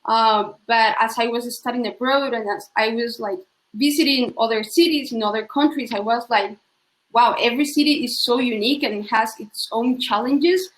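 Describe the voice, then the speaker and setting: A young woman speaks as a panelist, reflective and full of fillers. Her voice sits a little high. The room around her is echoey. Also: moderate pace. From Colombia. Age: young adult. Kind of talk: panel discussion answer.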